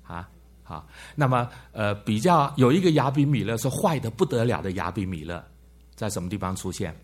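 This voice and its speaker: Husky man lecturing a Bible class. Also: fairly low pitch, lively intonation, moderate pace. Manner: frequent "ha" tag words and questions to the class. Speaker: Bible teacher.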